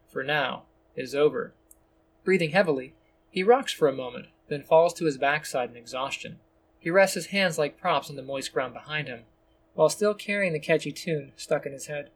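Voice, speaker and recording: Man with a slightly high narrating voice. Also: slight background noise. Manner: measured, descriptive storytelling. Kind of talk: scripted story narration.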